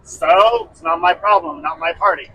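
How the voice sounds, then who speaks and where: A man's voice: a little high, normal speed, pushed and bright, a little hiss or hum, low-quality recording. A man voicing a reluctant young man who is dodging a favor, with a grumbling, evasive manner.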